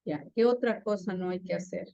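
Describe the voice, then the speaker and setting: A woman with a mid-range, mellow voice and some vocal fry teaches a class on active listening at a fairly quick pace. She often quizzes her students and tags her points with a questioning "¿no?". The recording is muffled, with no echo.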